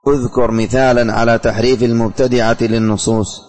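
A man's voice: mid-range voice, level tone, brisk, darkish tone, soft background music. Man teaching, repeats questions over and over, quizzes students, classroom with long echo. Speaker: teacher of religious doctrine. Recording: long hall reverb.

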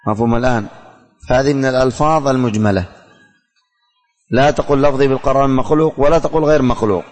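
A male religious teacher leads a classroom lesson, reading out each line slowly so students can write it down and asking them questions again and again. His voice stays even, with little rise and fall, and it rings out with a long reverb as if in a large hall. Faint music sits underneath. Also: mid-range voice. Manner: slow and deliberate, repeating lines for students to write down; quizzes students with repeated questions. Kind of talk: classroom lesson dictating and explaining verses.

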